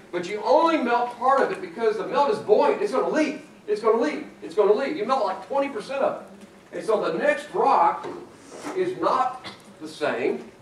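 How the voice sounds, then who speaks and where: A man giving a lively, playful university geology lecture to students in a lecture room. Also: sits high, a little hiss or hum. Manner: animated, playful, talks to students. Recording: echoey room from far off.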